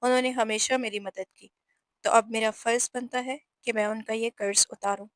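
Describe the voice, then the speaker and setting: A woman's voice: fairly high pitch, fairly even intonation, moderate pace, no room sound, studio quality, lightly acted. A woman voicing a serious young male police officer who is a dutiful son, earnest and pleading in a storybook reading. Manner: earnest, pleading with his mother.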